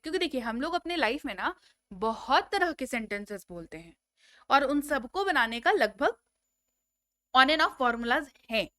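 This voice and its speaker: A woman's voice: high voice, sharp tone, clean tone, no echo, clean studio sound. A woman teaching a spoken English lesson, drilling word lists and prompting students to repeat after her.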